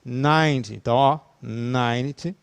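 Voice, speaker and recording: A man's voice: medium pitch, measured pace, vocal fry, clear, resonant tone. A male English teacher with a Brazilian Portuguese accent leads an online class, chatty and easygoing, laughing easily and ending sentences with "né".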